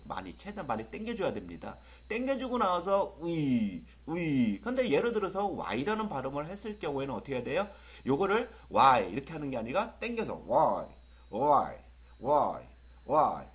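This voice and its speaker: A man's voice: on the high side, wildly swooping pitch, fairly quick, hardly any pauses. A man teaching pronunciation in an online lecture, repeating drill words and asking his students rhetorical questions.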